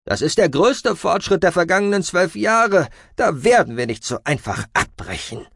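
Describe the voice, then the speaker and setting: A man voicing a boastful alien male doctor with a creaky voice, lecturing in an audiobook. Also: sits high, very animated, normal speed, a bit bright, no room sound, voice pushed up, full character voice. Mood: firm.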